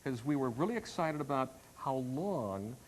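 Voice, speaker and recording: A man presenting products as a home shopping host, chatting through a live sales pitch in a conversational way. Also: sing-song, normal speed, rough recording. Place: TV studio demonstration set.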